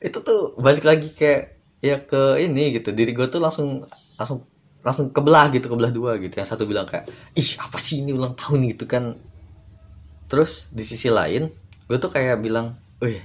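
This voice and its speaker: A man's voice: medium pitch, expressive, fairly quick. A young man telling a personal story in a casual, rambling podcast monologue full of fillers. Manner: rambling, many fillers, slangy. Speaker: podcast host.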